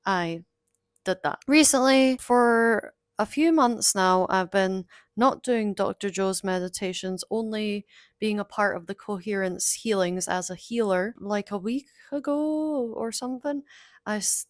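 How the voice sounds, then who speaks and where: A woman's voice: mid-range voice, unhurried. A woman talking to camera in a casual vlog, bubbly and gushing, often acting out her own past thoughts and joking at herself. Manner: bubbly, gushing, self-mocking. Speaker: vlogger. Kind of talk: casual excited vlog talk.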